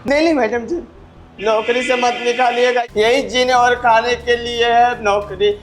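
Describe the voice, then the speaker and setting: A man's voice: very high-pitched, steady tone, a little slow. A man playing a humble security guard who begs his employer not to fire him. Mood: pleading. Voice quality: pleading, deferential. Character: meek poor security guard, humble and pleading.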